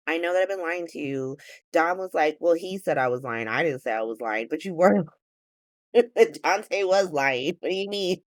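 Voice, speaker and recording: A woman's voice: low-pitched, no room sound. Tired, chatty woman in her thirties. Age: 30s. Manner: animated, swears, laughs often, rambling asides. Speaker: podcast host. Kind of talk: casual chat recap.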